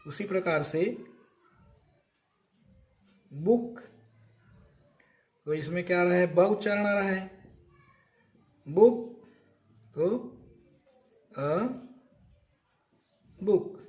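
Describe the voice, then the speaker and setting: A man's voice: high-pitched, extremely slow, pauses often, darkish tone. A man teaching an English grammar lesson, explaining step by step and asking and answering his own questions.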